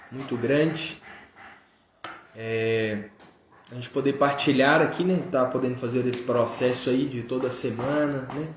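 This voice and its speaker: A Brazilian man hosting a daily religious live stream in a relaxed, chatty way, with many fillers and tag questions. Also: mid-range voice. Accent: Brazilian Portuguese. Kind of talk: casual live-stream talk. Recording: echoey room with faint noise.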